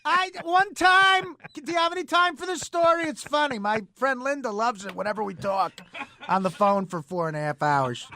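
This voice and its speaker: Chatty, rambling middle-aged woman caller, as a male host puts her on, pitched well up. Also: expressive, normal speed, pushed and bright, heavily acted.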